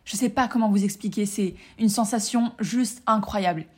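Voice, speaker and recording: A woman's voice: medium pitch, normal speed, darkish tone, slightly rough. A woman from France hosting a casual personal podcast, chatting enthusiastically and speaking straight to her listeners. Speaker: podcast host and coach.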